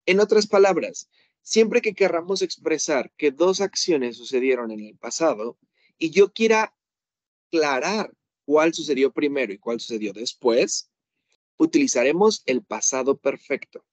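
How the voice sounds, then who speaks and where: Man, grammar lesson, animated teaching voice, keeps checking in with the class. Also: fairly high pitch, measured pace, no echo. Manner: explains with classroom examples, checks in with "¿ok?". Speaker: English teacher.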